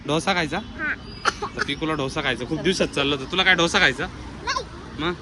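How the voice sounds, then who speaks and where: Man, family vlogger, casual outdoor narration, talks to viewers, hurries kids, phone camera, loud street noise. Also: on the high side, fairly quick, over a noisy crowd. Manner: chatty, addresses viewers as friends, hurries the children along. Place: outdoor public garden.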